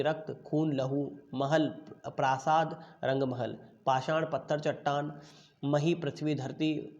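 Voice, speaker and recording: Male teacher, slightly high voice, deliberate dictation, muffled lo-fi recording. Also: a little mellow. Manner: slow deliberate dictation of answers. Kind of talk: online class lesson.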